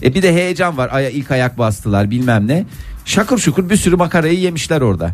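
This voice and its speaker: A man's voice: a little high, very animated, quick pace, faint music behind. A man hosting a casual, humorous talk, telling things in a rambling, colloquial way. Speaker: talk show host.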